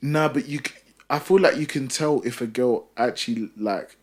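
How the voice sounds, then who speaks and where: A man's voice: medium pitch, normal speed. A young man with a London roadman accent chatting casually in street slang, repeating his points with emphasis.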